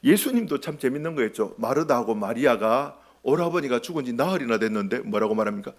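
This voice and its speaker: A man's voice: lively intonation, fast talker. A man preaching as a pastor, emphatic, asking his congregation rhetorical questions and acting out short quoted lines. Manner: acts out short quoted lines with swings in pitch and loudness. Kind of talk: sermon.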